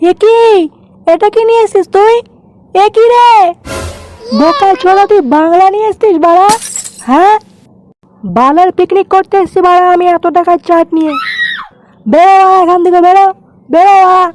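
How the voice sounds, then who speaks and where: A man with a West Bengal accent voicing a hot-tempered, foul-mouthed picnic ringleader in a comic cartoon, scolding and blustering through a pitched-up effect. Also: fairly even intonation, quick pace, a little mellow, soft background music, poor audio. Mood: furious.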